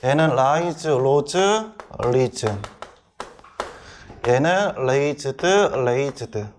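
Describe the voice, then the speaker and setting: A middle-aged English teacher with a medium-pitched voice gives a grammar lecture in class, quickly quizzing his students and then answering his own questions. A little hiss or hum is audible.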